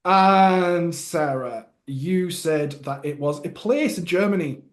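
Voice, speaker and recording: A host runs a casual panel guessing game in a middle-pitched voice. They joke, giggle often and stumble over their words while thinking aloud. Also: takes it slowly. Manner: giggly, jokey, stammers when thinking.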